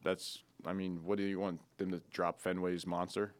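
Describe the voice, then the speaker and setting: A man's voice: sits low, little pitch movement, moderate pace. A man, a professional baseball player, chatting casually and giving blunt, repeated short verdicts. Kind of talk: casual chat.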